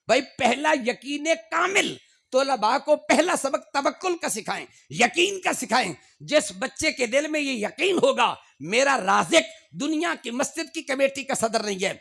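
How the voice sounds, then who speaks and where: A middle-aged male preacher with a high, gravelly voice. He preaches with fervour and rises to emphatic calls. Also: a bit bright. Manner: fervent, shifting between Urdu and Punjabi, rising to emphatic calls. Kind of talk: sermon.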